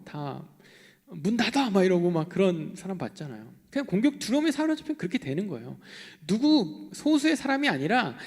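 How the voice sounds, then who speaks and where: A young man preaching a sermon in an animated way, swinging between loud outbursts and hushed asides. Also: high voice. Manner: animated, acting out quoted voices, shifting between loud and hushed. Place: church hall. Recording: long hall reverb.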